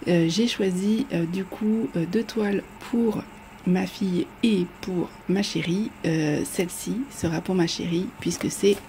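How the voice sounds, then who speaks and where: Chatty woman unboxing, mellow voice. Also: on the low side, steady tone, a little slow, a little hiss or hum. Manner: chatty, rambling, frequent hesitations. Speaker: vlogger. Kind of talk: casual unboxing chat.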